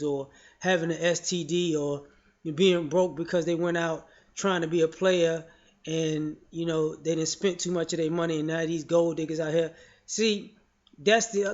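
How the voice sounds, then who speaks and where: A man giving his opinions in casual spoken commentary, frank and loose, often saying "you know" and restarting his sentences. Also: on the high side. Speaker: vlogger sharing opinions. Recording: dull lo-fi audio.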